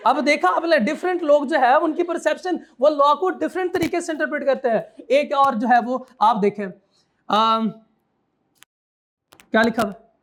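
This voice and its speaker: A man's voice: very high-pitched, moderate pace, fairly bright tone. A man giving a classroom law lecture, quizzing students and repeating his key points.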